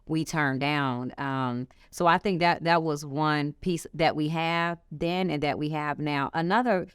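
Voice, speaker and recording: A woman's voice: sits low, unhurried, clean tone, no room sound, studio quality. A middle-aged woman with a Chicago accent, a small business co-founder, talking frankly and animatedly in an interview. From Chicago area, United States. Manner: frank, animated storytelling with emphatic asides. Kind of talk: candid conversational interview.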